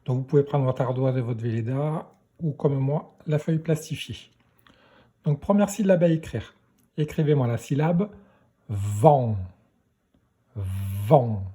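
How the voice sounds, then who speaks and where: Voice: mid-range voice, moderate pace, warm tone. A primary school teacher giving a remote dictation lesson, repeating each syllable and spelling it out letter by letter.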